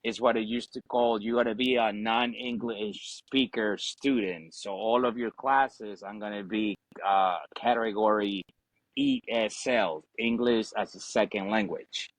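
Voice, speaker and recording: A podcast guest and Marine veteran, this man from Ecuador is in his 40s and learned Spanish first. His lowish voice stays fairly even and unhurried as he tells his story informally, often saying "you know" and "obviously" and cursing along the way. There's no echo, though the recording quality is low.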